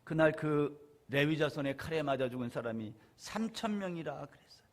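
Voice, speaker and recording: A man pastor preaching a Sunday sermon, asking the congregation questions and moving between loud stresses and quiet asides. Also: fairly high pitch, normal speed.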